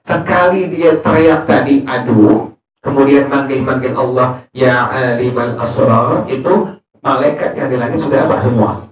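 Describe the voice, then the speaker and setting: A man's voice: mid-range voice, moderate pace. Man teaching in an echoey prayer room. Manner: reads Arabic text then explains it in casual speech. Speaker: religious teacher. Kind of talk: Islamic study sermon. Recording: echoey room, distant mic.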